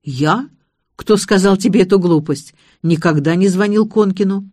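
A woman's voice: normal speed, mellow, dry recording, studio quality, natural voice. A woman voicing a cowardly, evasive middle-aged businessman who whines and shrieks in panic, in an audiobook. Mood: feigning innocence. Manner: whiny, evasive, shrill when panicking.

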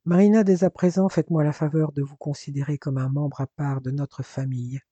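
A man's voice: on the high side, steady tone, fairly quick, mellow, dry recording, lo-fi sound, lightly acted. A man reading aloud voices a protective older father who speaks formally and reassures firmly. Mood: firm, reassuring.

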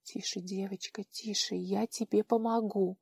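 A woman voicing a plump, red-haired, kindly but anxious woman who speaks softly, in an audiobook. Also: medium pitch, flat delivery, moderate pace, husky, no echo, studio quality, natural voice. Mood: soothing, hushed. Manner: soft, hushed.

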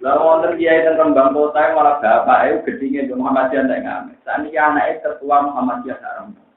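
Javanese preacher on a tinny, echoey recording. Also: male voice, fairly high pitch, normal speed, a little hiss or hum. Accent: Central Javanese. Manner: lively storytelling, mixes jokes and pleading. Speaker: Islamic preacher. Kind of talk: religious lecture to a congregation.

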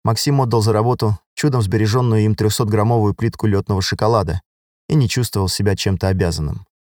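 A man narrating an audiobook in a steady, even storytelling voice. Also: fairly low pitch, fast talker, no room sound, clean studio sound. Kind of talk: scripted narration.

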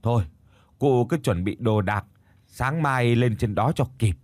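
A man voicing a bustling old village woman who shouts urgently to a half-deaf neighbor. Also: mid-range voice, no room sound, natural voice. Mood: fussing. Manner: shouting slowly into a deaf ear. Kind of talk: storytelling.

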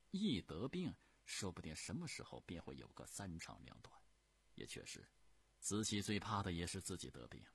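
A man telling a comic historical tale on the radio in an animated, dramatic way. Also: low-pitched, gravelly, slightly rough. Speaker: storyteller. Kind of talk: radio storytelling.

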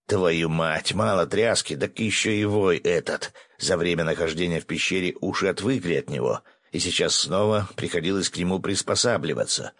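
A man narrating a first-person adventure audiobook, brisk with coarse asides. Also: sits low, a bit bright, no room sound.

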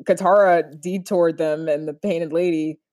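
A woman's voice: on the low side, fairly even intonation, a little slow, darkish tone, dry recording, clean studio sound. Laughing young woman podcast host. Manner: laughs often, playful, acts out quotes. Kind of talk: casual chat recapping a cartoon episode.

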